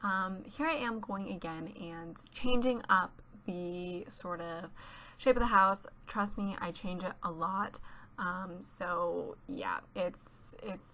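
Stuffed up with a cold, a teenage girl who makes YouTube videos chats giggly and rambling in a casual voice-over on her home mic. Her voice is fairly low, a bit bright, and slow-paced, with slight background noise.

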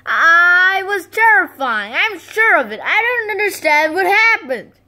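A frustrated cartoon fox who wants to be a cruel beast but keeps whining instead. The voice is high and bright and swings widely in pitch. The delivery is slow and indignant. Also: female voice, big pitch swings, full character voice. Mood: flustered. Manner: whiny and indignant. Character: hungry fox trying to act terrifying.

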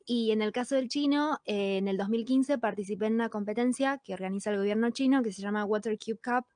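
A woman's voice: a little high, brisk, a little mellow, no room sound. Young Argentine woman, dry close mic. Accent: Argentine Spanish. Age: young adult. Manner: thoughtful, hesitant with fillers. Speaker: singer and model guest. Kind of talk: casual interview answers. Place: small bedroom indoors. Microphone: headphones with studio condenser mic.

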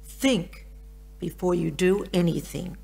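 A woman's voice: fairly low pitch, slow, vocal fry, dark tone, breathy edge. An older woman reading scripture as a lay reader at a church lectern. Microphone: gooseneck lectern microphone.

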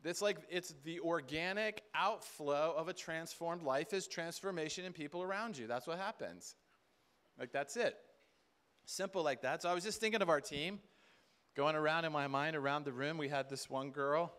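Here a middle-aged man speaks at normal speed with a fairly high, slightly bright, clear and resonant voice. He's giving a conversational, sermon-like talk to a seated conference crowd in a large hall, repeating words and dramatizing dialogue, recorded by a far camera at the back.

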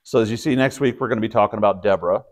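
In a church study room, a Texas pastor rattles off explanations rapid-fire in a lowish voice during an informal Bible study. His talk is conversational, with frequent fillers and restarts.

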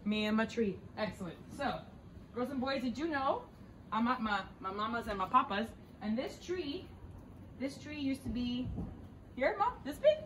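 Outdoors, a young woman leads kids through backyard water games, jokey and bubbly and laughing often. Her voice sits on the high side, expressive and fairly bright at a moderate pace, with a little hiss or hum in the recording.

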